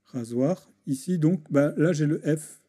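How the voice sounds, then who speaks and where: A man giving a casual software tutorial over a screen recording, hesitant and full of restarts as he clicks through settings. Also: a little high, unhurried, husky. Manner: hesitant, many restarts and fillers, talks while clicking. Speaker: video editing tutor.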